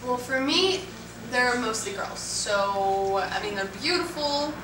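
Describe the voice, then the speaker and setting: A bubbly woman singer answers questions with giggles, her talk full of "like". Her voice sits a little high and comes from some distance in a roomy studio. Background hiss stays underneath. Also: expressive, slow pace. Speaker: singer being interviewed. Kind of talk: casual interview chat. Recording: echoey room, mic at a distance, background noise.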